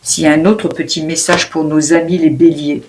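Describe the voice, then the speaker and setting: A woman giving an unscripted spiritual oracle card reading. She talks fast, with many restarts and repeated words, in a calm, coaching tone. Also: low voice, noisy background. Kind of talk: spontaneous spiritual guidance reading.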